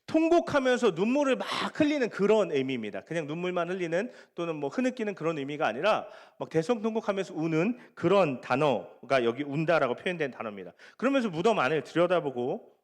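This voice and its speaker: A man's voice: on the high side, sing-song, fast, few pauses. A male pastor preaching a sermon to a young congregation, asking them questions and acting out the scripture scenes. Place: church sanctuary. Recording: long hall reverb.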